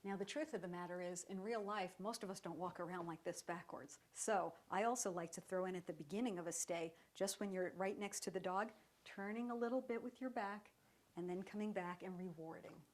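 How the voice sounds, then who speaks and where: A woman dog trainer giving a step-by-step lesson, speaking in a calm, even voice while she works with a dog. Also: on the low side, fairly quick. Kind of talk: instructional demonstration.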